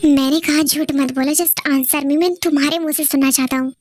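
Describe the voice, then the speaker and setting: A woman's voice: high voice, steady tone, brisk, natural voice. Woman voicing a possessive young man. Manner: pushy, demanding questions.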